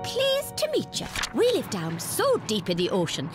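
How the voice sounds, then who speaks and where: A woman with a British accent voicing a cheeky, sporty female deep-sea fish in an educational cartoon, playful and colloquial. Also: huge pitch swings, moderate pace, music in the background. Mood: cheerful.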